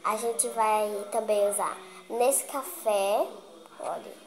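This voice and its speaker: A woman's voice: mid-range voice, steady tone, slow, low-quality recording. A woman with a Brazilian Portuguese accent, chatting playfully as she runs a food game with a friend. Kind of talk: casual chat.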